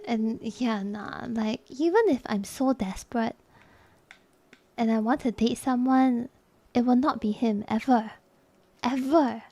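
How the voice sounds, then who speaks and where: Young woman streamer, off-the-cuff chat with viewers, candid and profane, laughs easily, slightly high voice. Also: dark tone, dry recording. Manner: candid, laughs often, swears casually.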